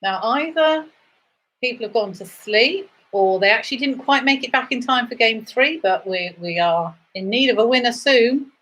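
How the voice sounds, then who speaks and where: A woman's voice: fairly high pitch, animated, normal speed, a bit bright, poor audio. A woman working as a bingo caller, calling numbers in a sing-song way with traditional rhymes and chatty asides. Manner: sing-song number calls, repeating each number. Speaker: bingo caller hosting a charity game.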